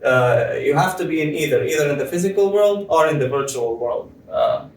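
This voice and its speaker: A man's voice: on the high side, fairly quick, a little hiss or hum. Tunisian man presenting in an echoey room. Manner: explanatory, with frequent hesitations. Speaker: PhD student presenter. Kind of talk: conference presentation. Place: conference room. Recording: echoey room, far from mic.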